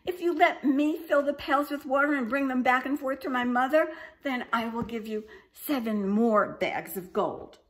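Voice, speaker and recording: Woman doing a whiny high baby dragon. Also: moderate pace, lightly acted, low-quality recording. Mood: pleading. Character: pleading young male baby dragon.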